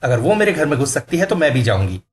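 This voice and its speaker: A man voicing a terrified young woman named Martha, crying out in a high shrieking falsetto, in a spoken horror story. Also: sing-song, fast talker. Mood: insistent.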